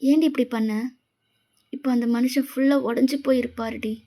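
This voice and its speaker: A woman's voice: high voice, steady tone, moderate pace, warm tone. A woman voicing the heroine's best friend, a young woman who scolds and accuses her. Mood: reproachful.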